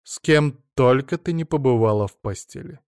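A man's voice: mid-range voice, moderate pace, darkish tone, clear, resonant tone, no echo, studio quality, pitched above the performer's own voice, lightly acted. A man reading an audiobook, voicing a bitter middle-aged woman who speaks with contempt. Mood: contemptuous. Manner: contemptuous, biting.

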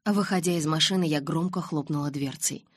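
Woman narrator, audiobook reading, slightly husky, lower voice, dry close sound. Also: brisk, no room sound.

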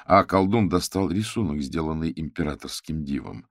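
A man reads a novel aloud in a steady, measured way. His voice is very low and gravelly, recorded close and dry. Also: no echo. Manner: measured storytelling. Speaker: audiobook narrator. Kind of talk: scripted narration.

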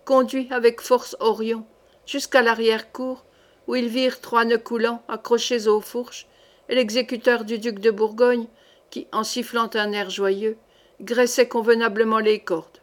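A woman reads a historical novel aloud as an audiobook narrator. Her delivery is measured and expressive, in a voice pitched a little high. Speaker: audiobook reader.

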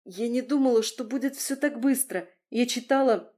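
A woman's voice: on the high side, normal speed, a little mellow, voice pushed up, close to an everyday voice. A woman voicing a young, nervous female friend who talks reassuringly at a bedside. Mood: anxious.

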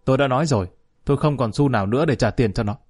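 A man's voice: medium pitch, racing, darkish tone, slightly rough, faint music behind, natural voice. A man voicing a stern, hard-hearted older father who speaks coldly and scoldingly. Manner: cold, cutting, scolding.

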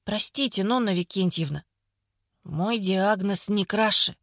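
A woman voicing a sharp-tongued older woman in a hospital bed, hoarse and sarcastic, teasing without mercy. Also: medium pitch, measured pace, dry recording, clean studio sound. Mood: hoarse, rueful.

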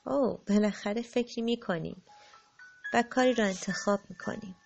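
A woman voicing a gentle, loving spirit in an audiobook, speaking calmly and tenderly. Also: medium pitch, gravelly, faint music behind, natural voice. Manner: calm, tender, unhurried, softening to a hush. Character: gentle, loving spirit who agrees to play the wrongdoer.

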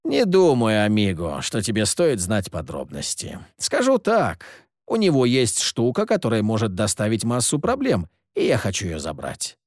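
Man voicing sly sardonic schemer, low hissing delivery, lively dry read. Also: normal speed, no echo. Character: sly scheming man, mocking, calls others amigo.

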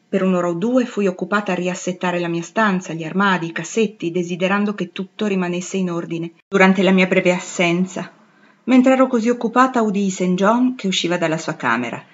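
A woman narrating a literary audiobook in an expressive, dramatic reading. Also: on the low side, highs cut off. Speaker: audiobook reader.

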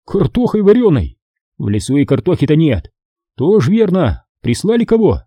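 A man's voice: on the high side, big pitch swings, moderate pace, dark tone, husky, no echo, clean studio sound, voice pushed up. A man doing a wisecracking sergeant, Kolupaev. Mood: wry banter.

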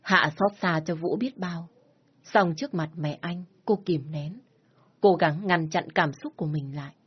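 A woman narrating a scripted audio story in a steady, expressive way. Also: on the low side, a little slow, slightly rough. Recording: slightly dull lo-fi recording.

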